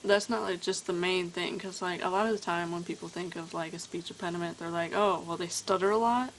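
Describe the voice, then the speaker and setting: Recorded at low quality with a bit of hiss or hum, a woman with a fairly low, fairly even voice talks briskly to her camera at home. She sounds tired, and her casual vlog is full of stutters and mid-sentence stops while she thinks.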